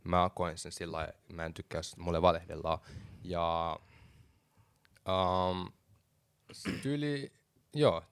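Gravelly low-voiced young man. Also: pauses often, no echo, studio quality. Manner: animated, slangy, mixes in English phrases. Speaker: podcast co-host. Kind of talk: casual chat.

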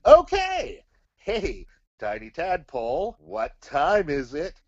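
A man's voice: high-pitched, wildly swooping pitch, measured pace, dry recording, highs cut off, voice pushed up, heavily acted. A man playing a chirpy, desperately upbeat children's podcast host in a comic ventriloquist skit.

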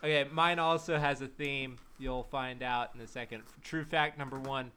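A man's voice: mid-range voice, steady tone, moderate pace, pushed and bright, a little hiss or hum. Easygoing man co-hosting a podcast. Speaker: podcast co-host. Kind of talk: casual chat, reading trivia facts.

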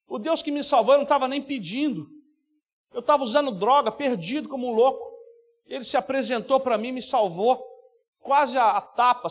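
An animated male guest preacher delivering a sermon. He speaks in a notably high register and keeps acting out little scenes. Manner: animated, with many acted-out voices. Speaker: guest preacher and worship minister.

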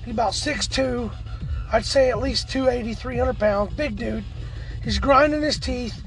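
A man with a hoarse, cracking, strained voice, chatting casually as a podcast co-host in a laid-back, slangy way. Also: very high-pitched, unhurried, faint music behind, poor audio. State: hoarse, lost his voice. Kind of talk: casual chat.

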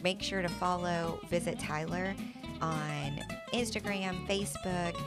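A woman's voice: on the low side, fairly even intonation, a little slow, over loud music. A woman co-hosting a casual podcast, upbeat and promotional. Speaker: podcast co-host. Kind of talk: casual chat.

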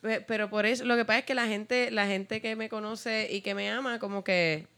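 Puerto Rican woman, bright tone, mid pitch, chatty and self-deprecating. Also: fairly even intonation, moderate pace. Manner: rambling, self-mocking, acts out her own thoughts. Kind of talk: casual chat.

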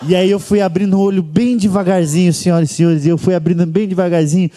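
A man's voice: sits high, quick pace. A Brazilian man telling a long story on stage in stand-up comedy, acting out every character. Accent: Brazilian Portuguese. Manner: animated, acts out every character. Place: comedy stage before a live audience.

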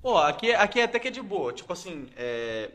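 A man's voice: high-pitched, sing-song, a little fast, fairly bright tone. A young man from Brazil, a YouTuber, telling stories in a slangy, laughing casual chat.

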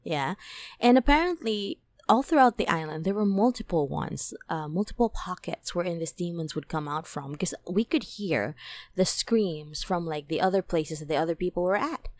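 A woman hosting a podcast, telling a dream story in a casual, animated way, packed with "like" and "right?", her voice climbing high when excited. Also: normal speed. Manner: animated, many fillers like "like" and "right?". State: toothache, on medication. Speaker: podcast host.

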